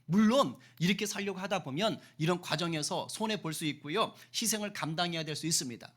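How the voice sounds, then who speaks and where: A man preaching a sermon as pastor, lively, with rhetorical questions and acted-out quotes. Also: sits high, a little fast.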